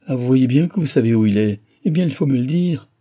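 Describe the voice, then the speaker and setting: A man voicing an earnest young valet who pleads and insists in a storybook reading, with a raised, husky voice. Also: mid-range voice, animated, fairly quick, mellow, voice pushed up, close to an everyday voice. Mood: insistent.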